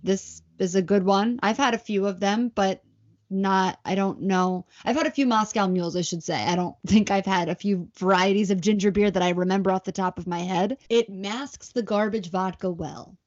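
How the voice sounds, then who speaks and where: A woman's voice: medium pitch, moderate pace. A woman co-hosting a casual podcast chat, telling stories with lots of giggles. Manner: giggly, chatty storytelling. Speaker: podcast co-host. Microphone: video call. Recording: dull lo-fi call audio.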